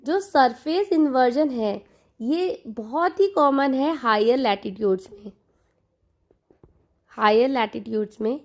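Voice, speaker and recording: A woman's voice: high voice, slow, darkish tone. A woman teaching an online lesson, mixing Hindi and English and repeating key terms for her learners. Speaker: online exam-prep teacher. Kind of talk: Hindi-English mixed lecture explaining to learners.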